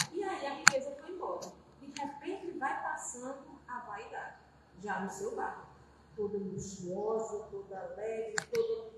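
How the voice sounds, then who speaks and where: A woman with a high voice preaching at a spiritist center, telling a parable expressively. The recording is very echoey and distant, with steady noise in the background. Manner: expressive, addresses listeners as brothers. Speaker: spiritist speaker. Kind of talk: sermon with parable storytelling.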